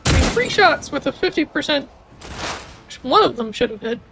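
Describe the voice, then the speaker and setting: Creaky high-voiced woman gamer. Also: big pitch swings, normal speed, fairly bright tone, a little hiss or hum. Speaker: gamer commenting on play. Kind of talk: casual gameplay commentary. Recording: game music behind.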